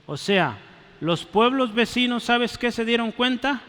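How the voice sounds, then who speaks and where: A man preaching a sermon in a church, fervent, often rising to loud exclamations and checking in with his congregation. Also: extremely high pitch, animated, measured pace. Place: church sanctuary. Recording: echoey church hall.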